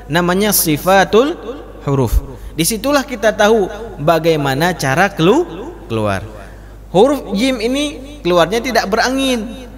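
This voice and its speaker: Male recitation teacher, high animated voice, long hall reverb. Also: a little slow, long pauses. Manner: addresses class as Pak, demonstrates letter sounds repeatedly. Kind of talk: mosque study class. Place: mosque hall.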